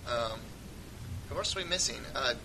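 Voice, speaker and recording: A man co-hosting a casual fan podcast, chatty and quick to laugh, often trailing off and restarting his sentences. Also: expressive, pushed and bright. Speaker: podcast co-host. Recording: noisy home recording with rumble.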